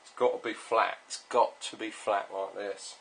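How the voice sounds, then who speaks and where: A man with a British accent giving a casual hands-on tutorial as an instructor, spelling out each step slowly and repetitively in a patronizing way. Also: fairly low pitch, little pitch movement, vocal fry, a bit bright. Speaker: repair instructor.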